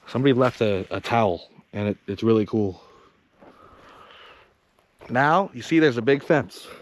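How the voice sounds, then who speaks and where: A man's voice: mid-range voice, lively intonation, normal speed, a little hiss or hum. Upbeat guy narrating a hike outdoors, handheld cam, chatty. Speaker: vlogger and hiking guide. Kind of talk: casual trail vlog narration. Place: outdoor hiking trail.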